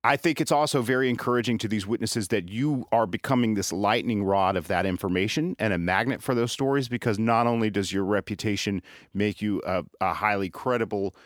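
Man, interview host, articulate, measured, low voice, dry close sound. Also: dry recording. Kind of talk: interview questions.

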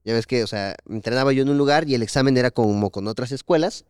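A young man with a Mexican Spanish accent, co-hosting a podcast and telling a slangy, animated story in casual chat. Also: mid-range voice, fast talker, smooth, dry recording, clean studio sound. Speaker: podcast co-host.

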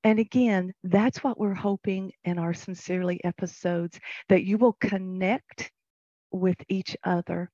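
A woman hosting a podcast, reading a caregiver's letter aloud in a gentle, measured, heartfelt way. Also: mid-range voice, steady tone, dry recording, muffled recording. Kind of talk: gentle, slow read-aloud of a personal letter.

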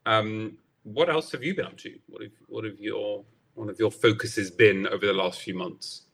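Bright-voiced man, halting questions. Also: on the low side, creaky, slightly rough. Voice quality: halting, searching for words. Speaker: podcast co-host. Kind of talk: casual podcast chat.

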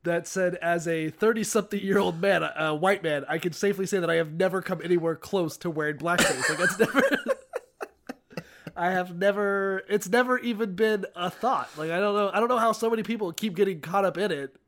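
A man with a soft, feminine-sounding voice, chatting casually and comedically as a podcast co-host. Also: sits high, brisk. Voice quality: soft, feminine, pseudo-effeminate voice.

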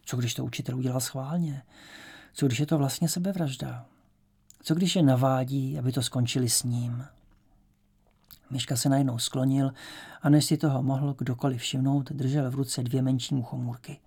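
A man narrating an audiobook in a measured, even storytelling manner. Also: medium pitch, breathy edge.

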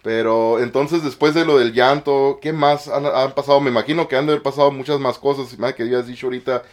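A man's voice: mid-range voice, fairly even intonation, fast. A man, interviewing a guest and asking many follow-up questions. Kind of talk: conversational interview.

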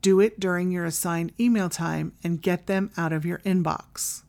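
A woman with a somewhat low voice presents a solo advice podcast. She reads from a script in a tidy, instructional manner. Her guidance comes as short, clear directives. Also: steady tone, moderate pace, darkish tone. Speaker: podcast host.

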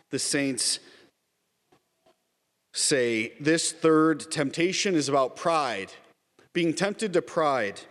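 A man's voice: mid-range voice, a bit bright. A man preaching an earnest Lent sermon, calling his listeners "everyone" again and again. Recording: long reverb, as in a church.

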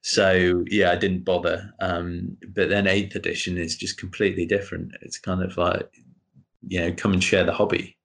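Deep-voiced man chatting as a guest. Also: moderate pace, gravelly. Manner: relaxed, hesitant with fillers and laughs. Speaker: podcast guest. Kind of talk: casual podcast chat.

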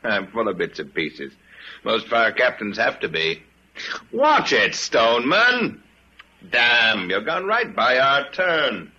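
Bright, raspy, commanding fire captain. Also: male voice, lowish voice, animated, a little slow, heavily acted. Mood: knowing, brisk. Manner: barking orders, sardonic, didactic. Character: hard, commanding, cynical fire captain who burns books. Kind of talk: radio drama acting. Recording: slightly dull radio drama recording.

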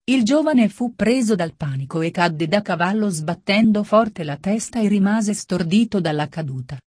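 A woman reading a translated story aloud in a plain, even storybook manner. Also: mid-range voice, normal speed, breathy edge, dry recording, studio quality. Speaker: reader.

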